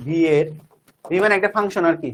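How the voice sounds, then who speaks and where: High-voiced man drilling a lecture. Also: brisk, a little hiss or hum. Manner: repeats definitions and quizzes students with questions; talks to students directly and warmly checks understanding. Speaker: physics teacher. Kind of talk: online class lecture.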